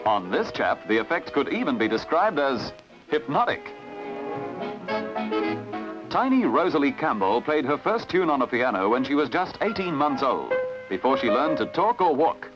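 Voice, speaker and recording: This is old newsreel narration: an Australian man reading a script in a formal, dramatic announcer voice, medium-pitched and very animated at a moderate pace. The soundtrack is dull and lo-fi, with music, like old film.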